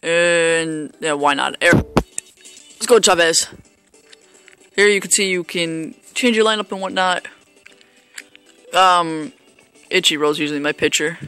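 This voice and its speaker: A man's voice: sits high, slow pace, long pauses, bright, forceful tone, clear, resonant tone, soft background music. A man casually commentating his own baseball video game play, rambling and joking at himself with lots of fillers. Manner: rambling, self-mocking, hesitant with fillers. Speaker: gameplay commentator.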